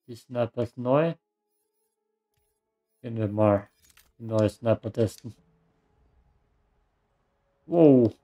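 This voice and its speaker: A man's voice: medium pitch, slow pace, pauses often, warm tone, highs cut off, soft background music. A man giving casual commentary while playing a video game, with joking, sarcastic asides. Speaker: let's play gamer.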